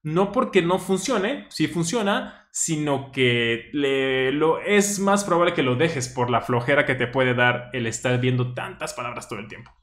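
A man who stutters now and then, explaining a study deck in a relaxed, thinking-aloud way. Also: medium pitch, a little slow, few pauses. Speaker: language teacher reviewing a study deck. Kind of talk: casual explanatory commentary. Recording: roomy echo.

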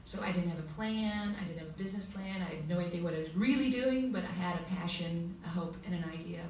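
A woman's voice: lowish voice, darkish tone. Emotional woman panelist in echoey hall. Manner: emotional, heartfelt storytelling with many pauses. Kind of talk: personal story at a panel. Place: school hall with audience. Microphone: table mic heard from far camera. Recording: echoey hall from far off, faint noise.

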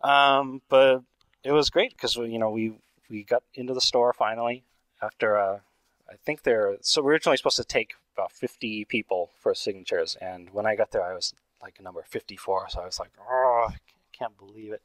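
A man's voice: on the low side, fairly even intonation, brisk, fairly bright tone, no room sound, rough recording. A man on a casual podcast, telling a story in a rambling way with many fillers and restarts. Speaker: podcast co-host.

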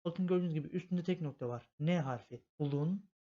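A man's voice: a little high, fast, dark tone. Patient man teaching letter by letter. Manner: patient, repetitive, step-by-step explanation. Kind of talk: spelling out letters in a language lesson. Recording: dull lo-fi home recording.

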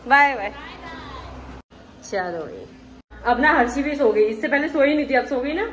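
A woman on a family vlog, talking in a lively, teasing way to the children and the camera. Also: high voice, measured pace, a little hiss or hum, rough recording. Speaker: vlogger. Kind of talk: casual family vlog talk.

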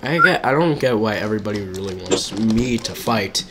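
A man's voice: lowish voice, expressive, normal speed, noisy background. A man casually chatting to his viewers while live-streaming a video game, reacting to the action as he plays.

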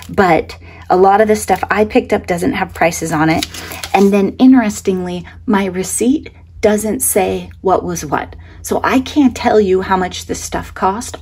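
A woman's voice: mid-range voice, a little mellow, breathy edge. A middle-aged woman from Oregon, chatting casually and enthusiastically about craft supplies she bought, filmed from above at a table. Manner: chatty and enthusiastic, exclaiming over items. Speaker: craft vlogger. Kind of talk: casual shopping haul chat. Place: indoors at a table, hands-only overhead camera.

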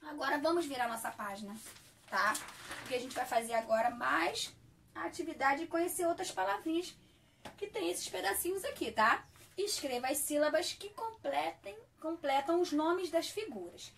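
A woman's voice: high-pitched, expressive, vocal fry, fairly bright tone, far from the mic, slight background noise. A woman teaching a primary school class, reading workbook exercises aloud and stretching out words for young children. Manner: slow, drawn-out words for young children, checking "tá?".

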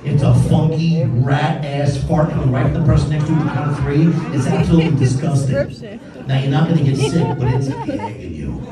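A man working as a stage hypnotist, giving loud, playful commands to volunteers and laughing along. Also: on the high side, brisk. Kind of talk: live hypnosis show patter. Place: indoor comedy venue with audience. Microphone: phone held far off in the audience. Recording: far-off echoey phone recording over crowd and music.

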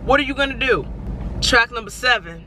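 A woman's voice: on the high side, background noise. A young woman reacting to and reviewing songs from inside a parked car, gushing and exclaiming, filmed by a dashboard camera. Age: young adult. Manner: excitable, exclamatory, drawn-out gushing. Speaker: music reaction vlogger. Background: music playing.

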